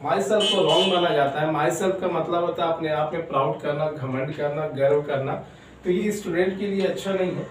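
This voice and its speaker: A man in his thirties teaching an online spoken English class, explaining in Hindi and slowly modelling English sentences. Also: a little high, heavy reverb, distant mic, noisy background. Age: 30s.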